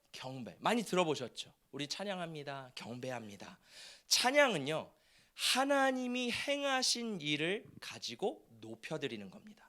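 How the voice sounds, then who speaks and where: A male pastor preaching a fervent sermon in a church sanctuary, often breaking into shouts. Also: high-pitched.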